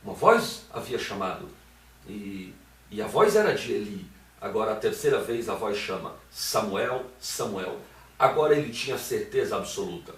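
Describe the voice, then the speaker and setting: A man's voice: on the low side, very animated, normal speed, fairly bright tone. Male preacher, storytelling sermon, recorded at a distance in a reverberant room. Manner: storytelling, acts out quoted voices. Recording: echoey room, voice from afar.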